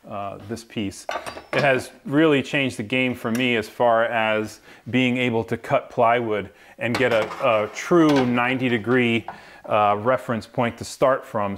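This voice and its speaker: Rambling man touring his workshop. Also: mid-range voice. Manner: relaxed, rambling, many fillers and restarts. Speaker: woodworking channel host. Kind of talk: casual shop tour. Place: two-car garage workshop.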